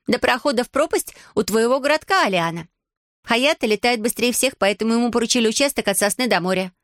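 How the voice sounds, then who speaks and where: A woman voicing a bossy, clever young witch girl who explains things briskly, with a dry edge. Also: fairly high pitch, lively intonation, fairly bright tone, dry recording, voice pushed up.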